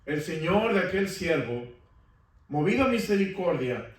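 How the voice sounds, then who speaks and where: A man preaches in a church sanctuary, his voice set a little high for a man and heard from far off. The room rings with heavy echo. He keeps asking the congregation questions for them to answer back. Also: big pitch swings, a little slow. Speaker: pastor. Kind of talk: sermon.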